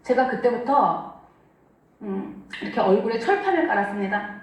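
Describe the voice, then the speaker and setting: A woman's voice: on the high side, animated. Impassioned woman giving a church testimony. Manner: earnest, impassioned storytelling with dramatic pauses. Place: church sanctuary. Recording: echoey church hall, distant mic.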